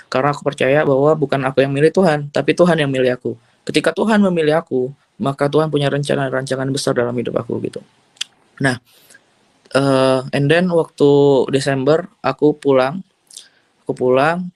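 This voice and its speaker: A man's voice: medium pitch, no echo. A man giving an emotional personal testimony as an interviewee, earnest and rambling, with lots of casual fillers and the odd English phrase. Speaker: interviewee telling his conversion story.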